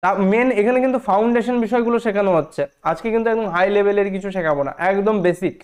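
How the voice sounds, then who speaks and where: A man's voice: sits high, rapid-fire, darkish tone. A man teaching a spelling lesson, repeating points and asking the class questions.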